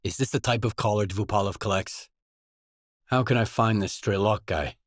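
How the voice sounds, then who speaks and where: Here the same game protagonist, a guarded and blunt male stalker, is voiced by an actor with a lowish, natural-sounding voice at a moderate pace. The studio sound is clean and dry, and his short scripted lines come out matter-of-fact, full of blunt, probing questions.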